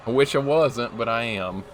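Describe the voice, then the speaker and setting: This is casual live-stream chat from a gamer in his forties who talks to his chat while reacting to the game. He speaks at medium pitch, a little slowly, with a slight hiss or hum in the background.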